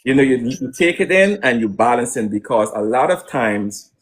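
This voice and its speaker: Musician from Guyana, halting and rambling. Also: male voice, mid-range voice, animated. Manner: rambling, hesitant with many restarts. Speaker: musician guest. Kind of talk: casual interview answers.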